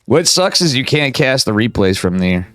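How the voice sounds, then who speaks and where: A man's voice: mid-range voice, sing-song, moderate pace, fairly bright tone, dry recording, soft background music. A man with a cold and a whistling nose giving casual, slangy live esports commentary. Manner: informal, slangy, chatty. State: stuffed up with a cold.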